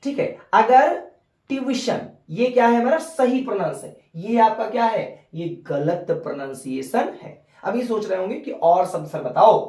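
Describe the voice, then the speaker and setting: A man teaching English pronunciation in a video lesson, drilling each word slowly and repeating it several times. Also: high-pitched, roomy sound. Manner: lively, repeats words slowly to drill them. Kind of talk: classroom-style video lesson.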